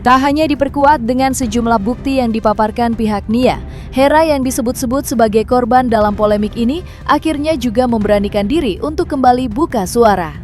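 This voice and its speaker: Woman, high voice, scripted news narration, faint music behind. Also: fairly quick, a little mellow.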